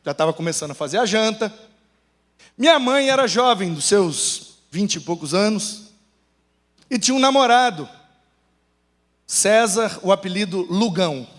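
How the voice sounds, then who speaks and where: Brazilian pastor telling funny stories in a sermon, lots of pitch swing, long hall echo. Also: male voice, moderate pace, pauses often. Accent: Brazilian Portuguese. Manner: animated storyteller, shifts between voices. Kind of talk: sermon with humorous storytelling. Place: church.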